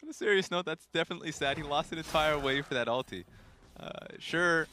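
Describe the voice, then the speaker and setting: A man's voice: on the high side, brisk, bright, forceful tone, slight background noise. A man doing color commentary on a live esports match, analytical and explaining plays at length.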